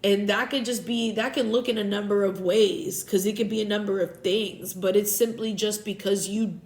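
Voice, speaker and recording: A woman's voice: mid-range voice, normal speed, roomy sound, low-quality recording. Stuffy-nosed woman giving a casual tarot reading. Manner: relaxed, rambling, self-correcting. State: stuffy nose. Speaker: tarot reader.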